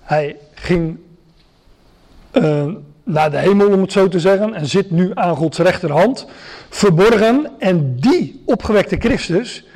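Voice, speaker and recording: A man's voice: high-pitched, animated, slow pace, a little mellow. A man preaching a sermon to a gathering, explaining step by step with frequent hesitations and restarts.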